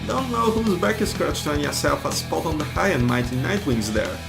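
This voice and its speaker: A man's voice: a little high, expressive, normal speed, gravelly, pitched above the performer's own voice. A man voicing a brash, sneering male dog-creature in a put-on Cockney accent, taunting and boastful. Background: game music.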